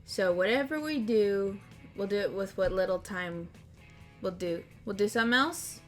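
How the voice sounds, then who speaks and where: An easygoing woman hosts a casual game livestream, chatting at a middle pitch. Music plays softly behind her relaxed, offhand talk. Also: normal speed. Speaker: streamer and host. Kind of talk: casual livestream chat while playing party games.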